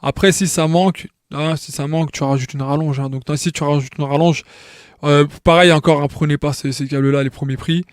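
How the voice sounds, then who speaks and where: A man's voice: a little high, fairly even intonation, brisk, no room sound, clean studio sound. A man giving an informal tutorial, explaining step by step with many restarts and checking in with the viewer. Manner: frequent restarts and repeated words. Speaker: tutorial maker.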